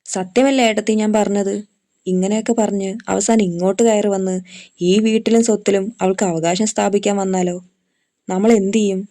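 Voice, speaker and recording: A woman's voice: medium pitch, fairly even intonation, a little fast, mellow, lightly acted. A woman voicing a scheming middle-aged aunt who speaks in an insinuating, complaining way. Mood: scornful.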